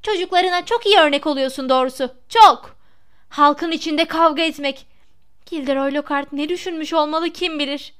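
A woman reading aloud as a middle-aged witch mother who shrieks and scolds in a high, loud voice. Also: normal speed. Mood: scolding.

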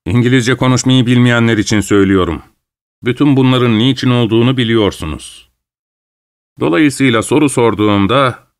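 A man voicing a loud, burly roll-caller. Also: medium pitch, smooth, voice pushed up, close to an everyday voice. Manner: loud, commanding, businesslike.

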